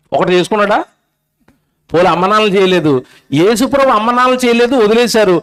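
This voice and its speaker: A male preacher with a Telugu accent gives a sermon at a convention, his voice very high and smooth. He presses his listeners with one insistent rhetorical question after another, scolding as he goes. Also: a bit bright. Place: convention stage.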